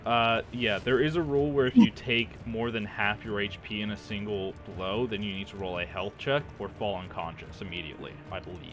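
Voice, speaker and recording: A man's voice: lowish voice, brisk, hardly any pauses, fairly bright tone. A man running a tabletop game as game master, hesitant and checking rules aloud with frequent uhs. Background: music.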